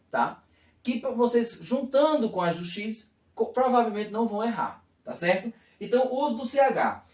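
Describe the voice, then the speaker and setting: A man teaching a video lesson, explaining step by step and asking and answering his own questions. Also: sits high. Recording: echoey room, voice from far off.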